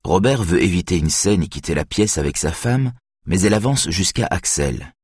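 A man calmly narrating an audiobook in an even reading voice. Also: deep voice, moderate pace, slightly rough, dry recording, studio quality. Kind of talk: scripted narration.

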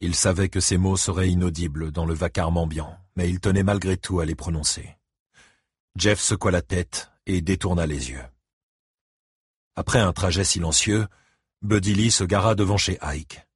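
A man narrating a novel as an audiobook, in steady storytelling. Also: sits low, moderate pace, husky, no echo, studio quality.

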